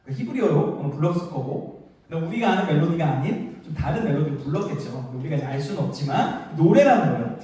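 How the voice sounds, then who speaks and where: A man's voice: fairly high pitch, animated, quick pace, mellow. A young adult man, a youth pastor, giving a playful youth sermon and asking his audience questions. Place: church hall, heard from far off. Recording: very echoey hall from far off.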